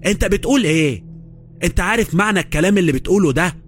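A man's voice: medium pitch, expressive, fast talker, soft background music, close to an everyday voice. A man voicing a tense, anxious male scholar of magic, with an Egyptian accent. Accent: Egyptian Arabic.

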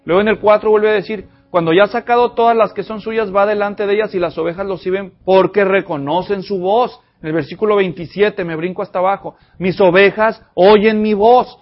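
A man preaching an expository sermon, addressing the congregation directly with animated energy. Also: sits high, fairly quick, few pauses, highs cut off. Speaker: pastor.

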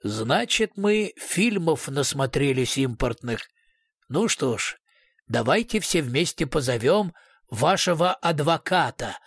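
A man's voice: a little high, very animated, slow pace, husky, dry recording, exaggerated voice. Man doing a brutal investigator, sly, sugary politeness, snarling threats, audiobook figure, dry sound. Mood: mock-polite. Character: brutal male police investigator, sly, mock-friendly.

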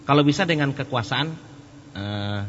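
A man's voice: mid-range voice, lively intonation, normal speed, fairly bright tone. Middle-aged male preacher, joking and chatty, answers questions in a reverberant hall. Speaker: Islamic preacher. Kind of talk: sermon with audience questions. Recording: echoey hall, dull and slightly noisy.

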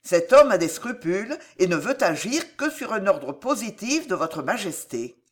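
A woman's voice: mid-range voice, very animated, normal speed, lightly acted. A woman reading an audiobook, voicing a proud, scheming male duke who speaks in a tense, pressing way. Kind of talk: audiobook character voice.

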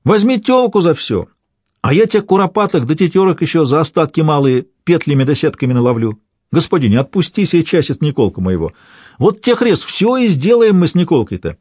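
A fussy, talkative old peasant father, put on by a male storyteller pleads and rambles in quaint country speech. His voice sits well above a plain man's, lifted and lively. The sound is dry and close. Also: a little high, a little fast, husky, no room sound, voice pushed up. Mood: pleading.

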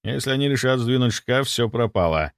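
Male audiobook narrator, tense and wry, very expressive pitch, dry close recording. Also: a little fast, dry recording. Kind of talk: first-person audiobook narration.

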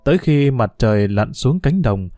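A man narrating a story in a steady, measured reading voice. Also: mid-range voice, dry recording, studio quality.

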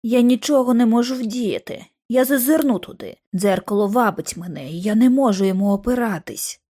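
A woman's voice: a little high, brisk, warm tone, lightly acted. A woman voicing a weak, resigned young man.

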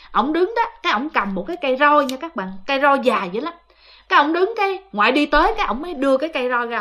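A woman's voice: fairly high pitch, pushed and bright. A woman telling ghost stories in a chatty, casual way, often speaking straight to her listeners. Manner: chatty, addresses listeners directly, lots of fillers. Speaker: ghost story narrator. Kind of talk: casual spoken storytelling.

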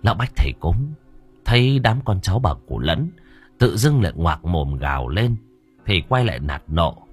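A man narrating an audiobook, telling the story in an expressive, animated way. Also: low voice, moderate pace, breathy edge, faint music behind.

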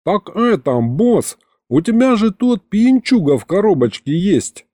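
A man's voice: high-pitched, very animated, measured pace, mellow, no room sound, clean studio sound, pitched above the performer's own voice, exaggerated voice. A man voicing a cheeky, streetwise male imp who talks in slang.

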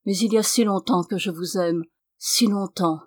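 Impassioned young gentleman in love, pleading, ardent, read by a woman, close dry sound. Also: mid-range voice, moderate pace, dry recording, close to an everyday voice.

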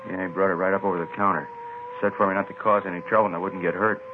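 A man's voice: low voice, steady tone, very fast, background noise, natural voice. An actor playing a male police desk officer who recounts an incident plainly, with dry understatement. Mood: recounting. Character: male desk officer, shaken but matter-of-fact. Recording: tinny old radio broadcast.

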